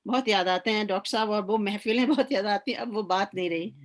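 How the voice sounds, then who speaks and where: A woman's voice: medium pitch, fast talker, a little hiss or hum. A woman speaks in a reflective, nostalgic way about past poetry evenings. She quotes favorite verses between her memories. Her voice sits in a middle range for a woman. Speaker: guest at a poetry gathering. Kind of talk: reminiscing and quoting couplets.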